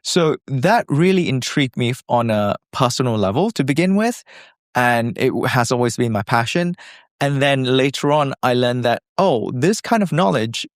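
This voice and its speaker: A Malaysian man in his thirties, a scientist appearing as a podcast interview guest, explains things earnestly with some fillers and restarts. His medium-pitched voice is expressive and moderately paced, recorded in studio quality with no echo.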